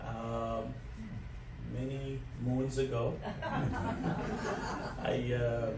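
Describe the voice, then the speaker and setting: A Moroccan man in his sixties, a dining director, tells his life story as an interview guest, rambling, chuckling often and using lots of fillers. His voice is mid-range with a darkish tone. He's recorded from a distance in a large, echoey learning center room with faint noise.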